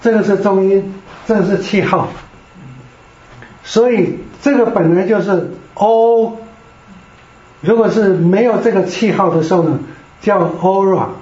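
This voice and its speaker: Man, teacher, patient classroom lecture, high voice, reverberant room. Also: unhurried, pauses often, a little mellow. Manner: patient, explaining step by step. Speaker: Greek teacher. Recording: roomy, dull lo-fi classroom recording.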